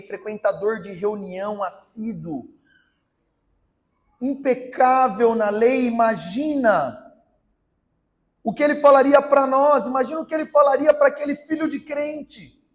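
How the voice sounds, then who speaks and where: A man's voice: extremely high pitch, a little slow. A man with a Brazilian Portuguese accent preaching a sermon, telling a story and urging his listeners directly.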